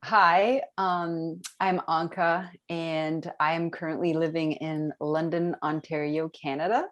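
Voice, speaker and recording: A woman's voice: deep voice, little pitch movement, slow pace, lo-fi sound. A woman from Romania who works as a health coach, speaking as a guest on a webinar over a video call and talking in a chatty way with many fillers and restarts. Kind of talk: casual webinar testimony.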